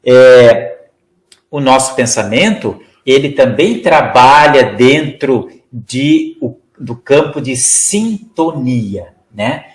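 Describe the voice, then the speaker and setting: A man's voice: medium pitch, lively intonation, slow, reverberant, rough recording. A man giving a spiritist study talk as lecturer. He explains in a teaching way, often adds "né?", and acts out example phrases. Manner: didactic, acts out example phrases, many "né?" tags.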